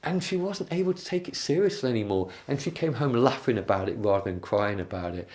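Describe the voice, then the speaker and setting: Calm, mellow-voiced male coach. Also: lowish voice, fast talker. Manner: calm, explanatory, uses anecdotes. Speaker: NLP coach. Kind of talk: instructional talk.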